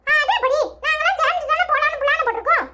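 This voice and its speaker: A woman's voice: very high voice, fast, voice pushed up. A woman voicing a cheeky, teasing village grandson in a cartoon, with a Tirunelveli accent and a chuckling, bantering manner. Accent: Tirunelveli Tamil. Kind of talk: cartoon voice acting. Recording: loud background noise.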